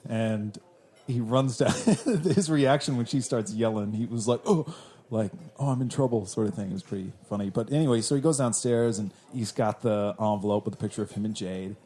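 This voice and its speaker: A man with an Australian accent, co-hosting a casual TV recap podcast, chatty and quick to laugh while retelling scenes. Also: lowish voice, dark tone. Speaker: podcast co-host.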